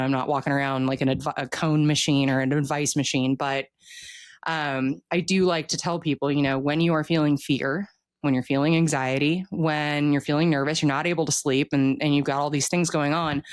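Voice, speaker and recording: An author in her thirties speaks casually in an interview, her low voice captured in a dry recording. She explains things earnestly and frequently asks rhetorical questions.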